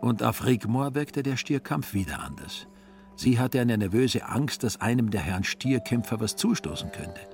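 A man narrating a radio play in a calm, ironic storytelling manner. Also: medium pitch, normal speed, faint music behind.

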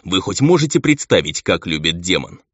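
A man's voice: low voice, sing-song, moderate pace, fairly bright tone, dry recording, exaggerated voice. A man voicing a stern, brooding half-demon male envoy who speaks insistently. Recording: dull lo-fi dry recording.

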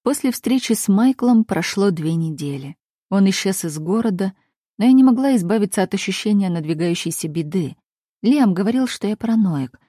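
Woman reading a tense audiobook, mellow tone. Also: medium pitch, normal speed, no room sound, clean studio sound. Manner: tense, expressive, rises for shouted lines. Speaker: audiobook narrator. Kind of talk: dramatic first-person audiobook reading.

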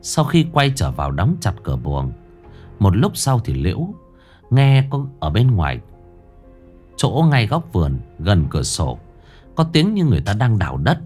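Guy reading a ghost story, really lively up-and-down voice, soft music behind. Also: on the low side, normal speed. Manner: dramatic, expressive.

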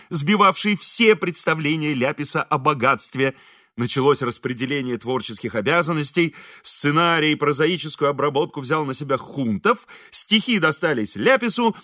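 A man narrating an audiobook in a lively, expressive way. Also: on the high side, no room sound, studio quality. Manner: lively, expressive, voices characters. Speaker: audiobook reader.

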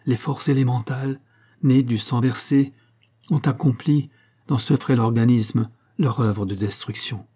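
A man voicing a grave, compassionate Indian sage in an audiobook, speaking slowly and gently. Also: mid-range voice, breathy edge. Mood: solemn. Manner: slow, gentle, solemn speech. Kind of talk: audiobook character voice.

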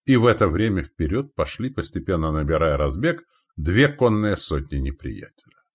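A man's voice: deep voice, sing-song, moderate pace. A man narrating a battle story dramatically in an audiobook. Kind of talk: scripted narration.

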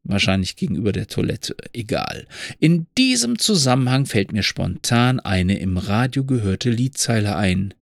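A man's voice: on the low side, very animated, normal speed, gravelly, no echo, studio quality. A man hosting a podcast, musing in a wry, rambling way and reciting a poem. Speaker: podcast host. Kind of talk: monologue and poem reading.

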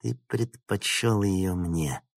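A man's voice: on the low side, big pitch swings, moderate pace, slightly rough, no echo, studio quality, exaggerated voice. A male narrator voicing a bitter, vengeful young woman villain with a sneering, spiteful manner.

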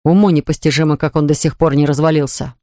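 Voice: fast, dry recording, close to an everyday voice. A narrator voicing a composed, businesslike male property developer, reading in a dry, close studio recording. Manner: calm, businesslike, lowered voice.

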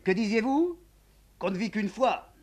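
A man's voice: high voice, very animated, unhurried, pitched above the performer's own voice, heavily acted. A man voicing a weary aristocratic count with dry, mocking irony, reading a stage play.

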